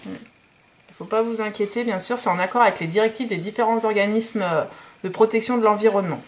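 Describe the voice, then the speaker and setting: A woman's voice: medium pitch, quick pace. A woman in her thirties from France, chatting casually in a DIY unboxing vlog, hesitant with many fillers. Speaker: DIY vlogger.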